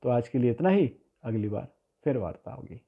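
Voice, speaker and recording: A man giving a spoken poetry lesson who explains patiently and slowly repeats example lines word by word. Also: mid-range voice, lively intonation, vocal fry, breathy edge. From India. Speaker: poetry teacher. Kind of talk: spoken lesson on ghazal writing. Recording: tinny phone-like sound.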